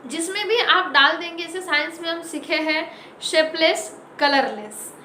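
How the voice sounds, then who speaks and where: A woman's voice: very high voice, pushed and bright, a little hiss or hum. A woman giving a motivational talk as host of her own channel, speaking emphatically and repeating short calls to action. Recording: roomy echo.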